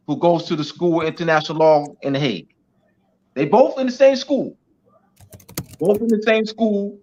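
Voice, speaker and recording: A man giving a slow, deliberate teaching talk as a guest speaker, leaning on repetition and frequent "you know"s to press each point. His voice sits fairly high for a man. The audio is muffled and lo-fi. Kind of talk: teaching talk on an online show. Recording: dull lo-fi audio.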